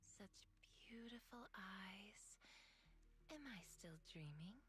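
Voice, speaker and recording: A woman voicing a dazed young girl in whispered role-play, speaking in a hushed, sleepy way. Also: medium pitch, lively intonation, slow pace, soft background music, pitched below the performer's own voice. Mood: drowsy.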